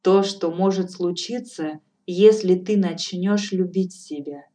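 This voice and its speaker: A woman's voice: fairly low pitch, slow pace, mellow. Woman voicing a blunt old fortune-teller. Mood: calm. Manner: cool, matter-of-fact, firmly lecturing. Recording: distant from mic, faint music behind.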